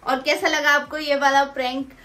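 A woman's voice: high voice, level tone, moderate pace, bright, forceful tone. A young woman vlogging at home, teasing and bossing her partner around in casual banter. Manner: teasing, bossy, playful. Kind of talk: casual prank vlog banter.

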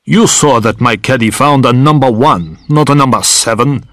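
A man's voice: medium pitch, lively intonation, measured pace, no echo, natural voice. A man reading a storybook voices a wealthy, angry golfer who has been caught cheating. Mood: indignant. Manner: indignant, clipped.

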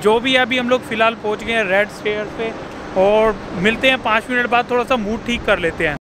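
Man, Indian accent, 30s, travel vlogger, high voice, chatty, phone at arm's length, busy street noise. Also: brisk. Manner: chatty, mixes in English phrases. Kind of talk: casual vlog narration to camera. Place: busy city street and subway station outdoors. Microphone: handheld camera at arm's length.

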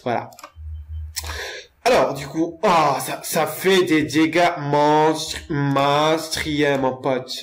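A man's voice: a little high, fairly even intonation, extremely slow. A young man casually commentating his own video game play, joking, rambling to his viewers and stammering over repeated words.

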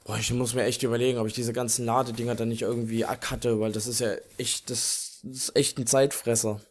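A man's voice: medium pitch, level tone, brisk, a little hiss or hum. A man hosting a let's play, giving casual, colloquial gameplay commentary with grumbling reactions. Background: game music.

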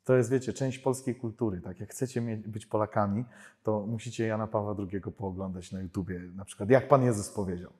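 A man giving an animated personal testimony at a prayer group conference, acting out the dialogue in his stories. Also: fairly quick. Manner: storytelling, acts out dialogue with pitch jumps. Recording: hall reverb.

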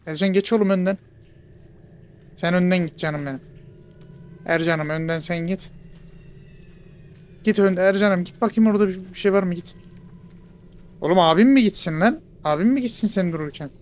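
High-voiced excitable male gamer. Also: slight background noise. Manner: jokey, excitable, banters with game characters. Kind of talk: let's play commentary.

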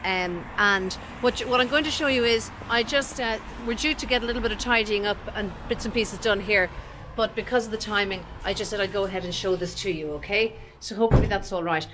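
Brisk and hardly pausing, a mid-range female voice comes from an Irish estate agent in her forties, with noise in the background. She walks the large bare rooms of an empty commercial unit, chattily explaining the property in informal narration.

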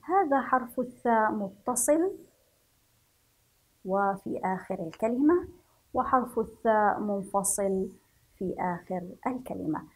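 A woman teaching first graders to read, stretching out each word slowly and praising them softly. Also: medium pitch, expressive, breathy edge, low-quality recording. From Yemen. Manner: slow, drawn-out syllables for children, praising softly. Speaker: primary school teacher. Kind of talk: children's reading lesson.

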